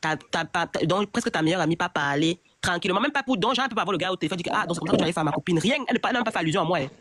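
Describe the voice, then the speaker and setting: A woman's voice: fairly low pitch, lively intonation, very fast, a bit bright, no echo. A woman telling a personal story in casual chat, rambling and restarting her sentences often. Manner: rambling, many restarts and repeats. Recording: noisy online audio.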